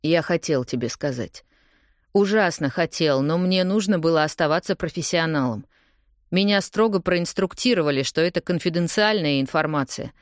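A woman reading an audiobook, voicing a guilty young man who defends himself in a low, earnest voice. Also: moderate pace, dry recording, clean studio sound, close to an everyday voice. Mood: defensive, pleading.

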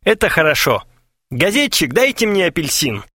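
A man putting on an impulsive young man, pitched well above a plain talking voice and swinging widely in tone. He pleads and rages theatrically, a comic storybook hothead, heard close and dry. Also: big pitch swings, normal speed, husky, dry recording, heavily acted. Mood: cheerful. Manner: melodramatic, pleading and shouting.

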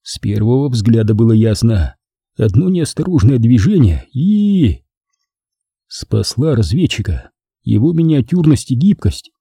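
A male narrator reads a first-person adventure with a very dark, husky voice and a lively, swinging delivery. He sounds close to the mic in a dry space with no room echo. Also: mid-range voice, measured pace. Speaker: audiobook narrator.

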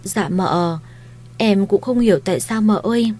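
A woman's voice: mid-range voice, normal speed, warm tone, close to an everyday voice. A woman voicing a frightened young female house maid, timid and stammering as she pleads. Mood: timid pleading.

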